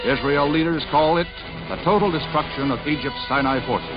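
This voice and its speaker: A man giving scripted narration for an old newsreel, in a brisk and dramatic announcer's delivery. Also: on the high side. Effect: old newsreel recording. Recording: dull lo-fi newsreel sound with music behind.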